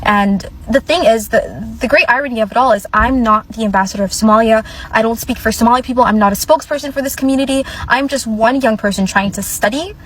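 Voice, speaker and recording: A woman's voice: a little high, a little hiss or hum, poor audio. A woman in her twenties from Minnesota, a pre-med student, making an earnest personal video statement. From Minnesota, United States. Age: 20s. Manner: earnest, measured.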